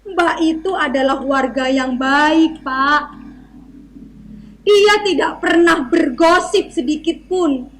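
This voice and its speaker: A woman's voice: high-pitched, slow pace, a bit bright, a little hiss or hum. A woman acting a timid, deferential citizen in a theatre monologue, pleading meekly. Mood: earnest, pleading. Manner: meek stage acting.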